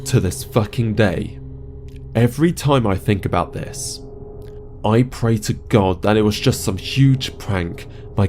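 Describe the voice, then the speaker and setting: A man's voice: lowish voice, a little mellow. A man narrating a first-person horror story in a profane, conversational way. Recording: narration over music bed.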